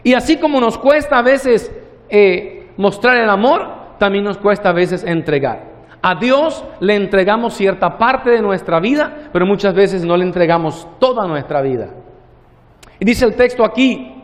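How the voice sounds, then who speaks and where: A man preaching a sermon as pastor, slowing down on key words and acting out the characters' lines in a story. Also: high-pitched, animated, in a large hall. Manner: preaching with long slow pauses, acting out the parable's dialogue.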